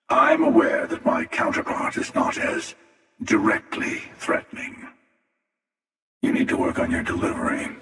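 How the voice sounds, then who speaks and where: An actor playing a menacing, arrogant, world-weary hunter villain in a video game, with a gravelly voice and a deliberate, sardonic delivery. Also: male voice, lowish voice, bright, forceful tone, heavily acted. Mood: condescending. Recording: echoey, long reverb, distant.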